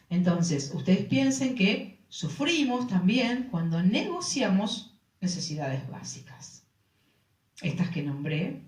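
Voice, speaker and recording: A woman's voice: on the low side, darkish tone. A woman with a Rioplatense Spanish accent gives a talk on relationships to a live audience, often checking in with rhetorical questions to the listeners. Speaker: speaker on relationships. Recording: roomy sound from a distant mic.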